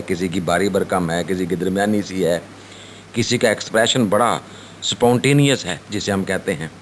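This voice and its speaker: Deep-voiced Pakistani man lecturing slowly. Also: slight background noise. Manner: slow, halting delivery with frequent fillers, mixing English and Urdu; reads English definitions slowly, then explains them. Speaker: college lecturer. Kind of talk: recorded lecture to students.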